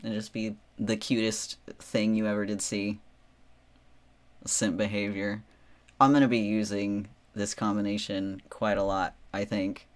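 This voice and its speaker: Playful man with a lowish voice, livestreaming. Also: level tone, unhurried. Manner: playful, theatrical, tongue-in-cheek boasting. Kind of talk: casual livestream chat.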